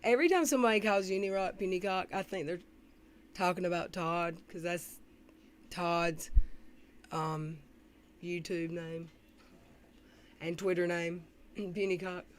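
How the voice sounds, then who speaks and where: A woman giving casual reaction commentary on a livestream, often clearing her throat and pausing to read comments. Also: on the low side, steady tone. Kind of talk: casual reaction commentary, reading live chat. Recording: faintly noisy livestream audio.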